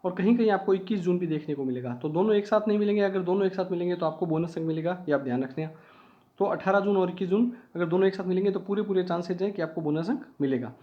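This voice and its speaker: High-voiced teacher drilling exam facts. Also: male voice, quick pace, phone-quality sound. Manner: repetitive, drilling key facts, asks and answers his own questions. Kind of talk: online exam-prep lesson.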